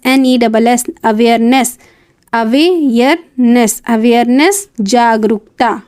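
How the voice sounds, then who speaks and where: A woman with a slightly high, somewhat mellow, smooth voice gives an English vocabulary lesson. She spells each word out letter by letter and repeats its meaning, slipping in brief fillers and checks between words.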